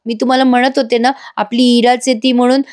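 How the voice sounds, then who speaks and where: A woman's voice: a little high, flat delivery, fast, a little mellow, close to an everyday voice. A woman reading the lines of an earnest, determined girl in a recap of a TV serial, speaking in her own everyday voice. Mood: pleading. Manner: pleading, earnest.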